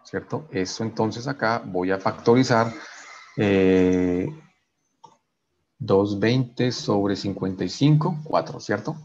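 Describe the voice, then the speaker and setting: A man's voice: lowish voice, takes it slowly, a little mellow, dull audio, slight background noise. A man teaching an engineering class online, working through equations step by step and checking in with "right?" after each step, often restarting his sentences. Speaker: engineering professor.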